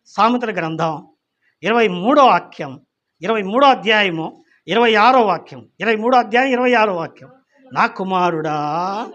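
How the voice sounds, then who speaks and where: A man preaching a sermon as pastor. He keeps putting questions to the congregation, slows right down to read scripture, and drops quiet and low on key words. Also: highs cut off. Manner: calls out questions to the congregation, repeating "ఏమండి?".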